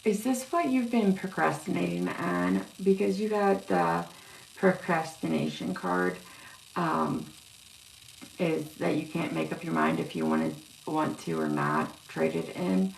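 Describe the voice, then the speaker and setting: A woman giving a casual psychic reading on a live stream, talking haltingly with many fillers and restarts. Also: sits low, lively intonation, creaky. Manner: halting, filler-heavy, yawning. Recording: echoey room with faint noise.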